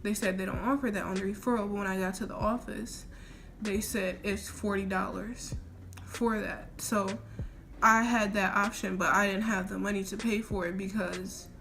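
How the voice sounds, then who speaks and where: A woman's voice: mid-range voice, fairly even intonation, normal speed, creaky, a bit bright. A young adult woman chatting casually as a vlogger, telling a personal story in an informal, rambling way with a mouth sore from oral surgery. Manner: informal, rambling, quoting herself. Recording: noisy homemade recording with room ambience.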